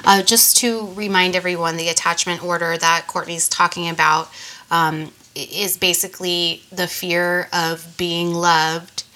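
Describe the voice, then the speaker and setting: Bright-toned woman with a stuffy nose. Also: low voice. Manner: reads from notes with small restarts. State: nasal from a cold. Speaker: podcast co-host. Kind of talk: casual podcast reading.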